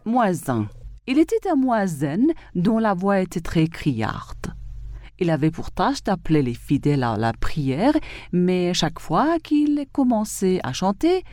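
A woman reading old fables aloud in slow, expressive narration. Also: on the low side, no room sound, faint music behind.

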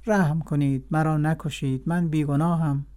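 A gentle court healer speaks humbly and begs for mercy, as a male narrator plays him. The tone is soft and mellow with a slightly raised pitch, told like a storybook. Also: fairly even intonation, close to an everyday voice. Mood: pleading. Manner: humble, pleading.

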